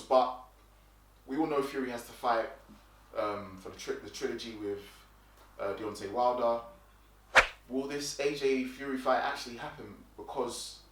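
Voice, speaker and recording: A man hosting a casual boxing news roundup, chatty, with fillers and restarts. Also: medium pitch. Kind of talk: casual commentary. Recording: roomy and distant from the mic.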